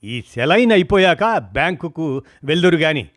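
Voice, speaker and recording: A man voicing a middle-aged hospital doctor who gives steady, firm instructions to a worried family. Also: on the high side, normal speed, dry recording, clean studio sound, pitched above the performer's own voice. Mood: calm, directing.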